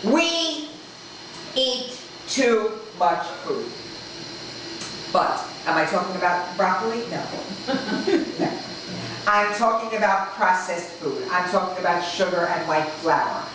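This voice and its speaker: A woman's voice: on the low side, expressive, slow, pauses often. Woman instructor, emphatic rhetorical lecturer; distant room recording with faint background hiss. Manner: emphatic, full of rhetorical questions. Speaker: diet class instructor. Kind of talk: lecture to a live group. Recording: echoey room from far off, faint noise.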